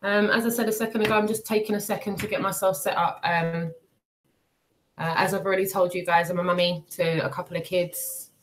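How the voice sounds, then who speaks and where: A woman's voice: lowish voice, fairly even intonation, fairly quick. A woman who sounds sick and bunged up, chatting casually and hesitantly to livestream viewers in an apologetic, rambling way. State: unwell, congested, bunged up with a cold and cough. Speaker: livestream host. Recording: clearly noisy livestream audio.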